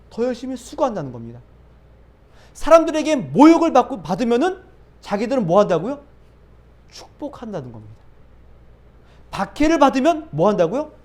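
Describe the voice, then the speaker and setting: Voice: mid-range voice, a little mellow. A pastor preaching a sermon, asking rhetorical questions and answering them, building emphasis by repeating phrases. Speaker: pastor who planted a church.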